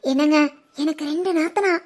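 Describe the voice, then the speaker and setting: A woman's voice: sits high, normal speed, a little mellow, pitched below the performer's own voice, close to an everyday voice. A woman voicing a bubbly giggly young wife. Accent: Kanyakumari Tamil. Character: giddy cheerful young wife.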